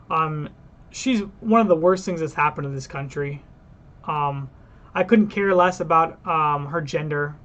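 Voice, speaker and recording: Ranting man, high voice, muffled sound. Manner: heated, ranting, talks to viewers. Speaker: reaction video host. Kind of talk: casual reaction commentary.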